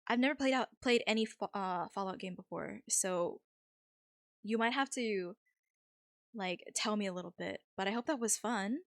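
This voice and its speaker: A woman's voice: medium pitch, normal speed, dry recording, clean studio sound. A woman livestream host talking casually and informally with her viewers.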